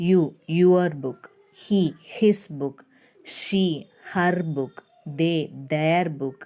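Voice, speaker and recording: A woman with a Malayali English accent teaches a grammar lesson in a slow, deliberate way. Her voice sits low and sounds mellow, and she keeps checking in with the class as she explains, switching between Malayalam and English. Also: clean tone.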